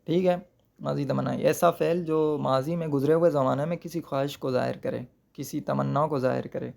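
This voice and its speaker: With a fairly high, steady, creaky voice that is a little mellow, this man teaches Persian grammar. He is patient, repeats every word, and uses rhetorical questions to make sure students follow.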